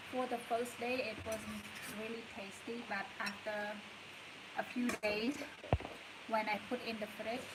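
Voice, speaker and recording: A woman chats unhurried to the camera at home. Her voice sits a little high and moves slowly. Loud household noise runs under the home video. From Cambodia. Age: 30s. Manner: unhurried, chatty, coaxes her toddler in between. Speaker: vlogger and mother. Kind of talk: casual chat to camera. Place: home kitchen.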